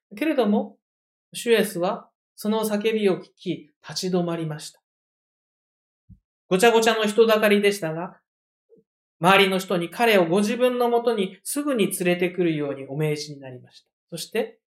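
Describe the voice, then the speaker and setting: A preacher delivering a measured sermon, explaining a passage with occasional conversational asides. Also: mid-range voice.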